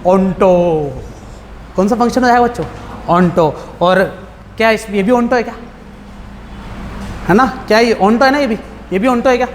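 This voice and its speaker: Teaching math, a man throws rhetorical questions at his students in a blunt, informal way. He speaks unhurriedly with long pauses in a high-pitched voice. The classroom lecture carries a long hall reverb and a faint hiss of background noise.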